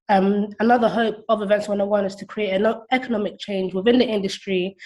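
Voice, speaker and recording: A woman in her twenties, the founder of a platform, answers interview questions as a guest over a video call. Her medium-pitched voice is slightly mellow and has very little melodic movement as she explains things, and the audio quality is poor.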